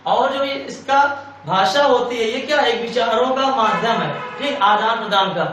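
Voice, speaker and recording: High-voiced man teaching in an echoey room. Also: normal speed, a bit bright. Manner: repetitive, asks and answers own questions. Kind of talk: exam-prep lecture. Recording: echoey room, far from mic, faint hiss.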